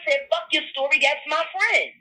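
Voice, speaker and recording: A woman's voice: high-pitched, fairly quick, a crowd in the background. A woman caller heard over a phone line, talking bluntly and profanely and repeating herself for emphasis in a heated conversation. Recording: phone call audio.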